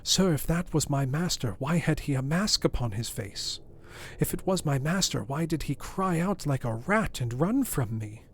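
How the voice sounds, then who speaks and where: A man plays a scared, devoted elderly butler, begging in rustic speech with his voice pitched higher than his natural one. His intonation is lively, his pace moderate, and his tone husky.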